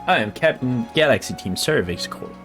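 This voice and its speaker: A man's voice: mid-range voice, lively intonation, normal speed, fairly bright tone, faint music behind, lightly acted. A man voicing a stern, aloof female team captain who speaks curtly and coldly. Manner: cold and curt.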